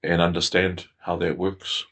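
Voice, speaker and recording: A man's voice: low voice, monotone, unhurried, fairly bright tone. A man, a podcast guest talking in a thoughtful, reflective way and often repeating phrases as he thinks. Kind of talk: casual conversational interview.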